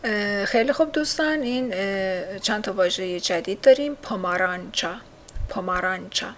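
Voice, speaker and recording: A woman giving a recorded language lesson, patiently repeating words slowly and drilling her learners. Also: medium pitch, fairly bright tone. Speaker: language teacher.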